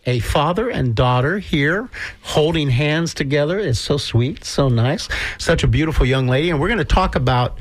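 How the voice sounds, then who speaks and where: A male radio co-host with a slightly higher voice, quipping and enthusiastic. He introduces guests with cheerful energy. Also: expressive, normal speed. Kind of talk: casual community radio chat.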